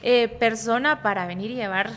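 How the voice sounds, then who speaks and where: Guatemalan lady pastor chatting on a podcast, soft-spoken but lively, kinda high voice, faint hum behind her. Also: normal speed. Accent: Guatemalan Spanish. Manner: rambling, self-interrupting, constant tag questions; describes herself as speaking softly but energetically. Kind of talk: casual podcast conversation. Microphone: studio podcast microphone, kept at a distance.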